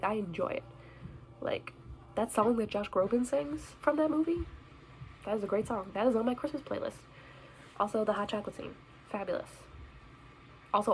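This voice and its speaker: A young woman talks casually and brightly to her viewers, full of filler words and quick asides. Her voice sits at an ordinary middle pitch. A faint hum of noise sits under the recording. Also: poor audio. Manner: chatty, bubbly, self-deprecating. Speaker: vlogger. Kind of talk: casual chat reviewing movies. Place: indoors in front of a Christmas tree.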